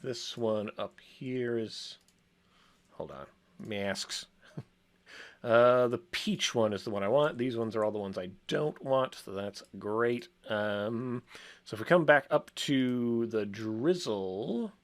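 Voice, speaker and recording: A man in the middle of his pitch range talks through his work out loud in a loose, rambling way. He fills pauses with ums and chuckles often as he goes. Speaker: co-host working in software. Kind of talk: casual think-aloud while working.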